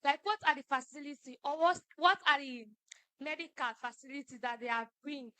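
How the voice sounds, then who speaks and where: A woman asking careful, deliberate questions at a press conference. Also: high-pitched, bright, forceful tone, dry recording. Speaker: audience member asking questions.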